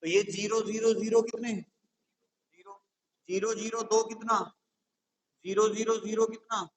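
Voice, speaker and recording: High-voiced maths tutor explaining patiently. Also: male voice, flat delivery, a little slow, slight background noise, low-quality recording. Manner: patient, step-by-step, checks with "theek hai". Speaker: maths tutor for exam coaching. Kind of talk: whiteboard maths lesson.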